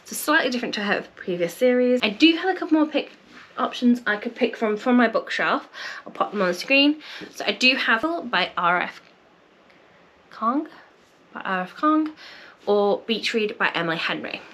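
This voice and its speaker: A woman's voice: fairly high pitch, expressive, a little fast, fairly bright tone. Chatty woman book vlogger, kinda stuffy nasal voice from a cold, talking to camera in front of her bookshelves. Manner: chatty, friendly, thinks aloud. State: congested, slightly nasal from a cold. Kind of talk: casual chat to camera. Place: home room with bookshelves.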